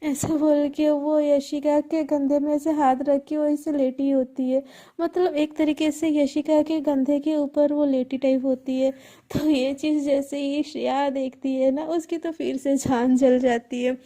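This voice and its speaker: A woman's voice: high-pitched, little pitch movement, unhurried, mellow. A woman narrating a story in a casual, chatty way, full of conversational asides.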